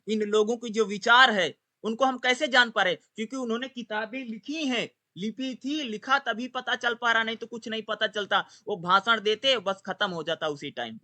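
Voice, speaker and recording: A man's voice: high-pitched, bright, forceful tone. A male teacher explaining a lesson, repeatedly asking questions and answering them himself. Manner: repetitive, asks rhetorical questions then answers them. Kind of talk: explanatory Hindi lecture.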